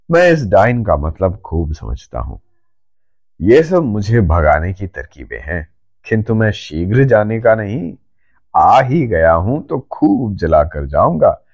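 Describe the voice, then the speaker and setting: A man voicing a jovial, teasing old bald grandfather in a storybook reading, slow and playful. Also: low-pitched, a little mellow, lo-fi sound, full character voice.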